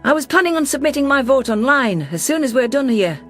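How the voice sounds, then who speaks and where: In a sci-fi audio drama, a woman voices a defiant, protective female alien ambassador, narrating in first person and speaking dialogue with earnest assertiveness. Her voice sits high, expressive and a little fast, with faint music in the background.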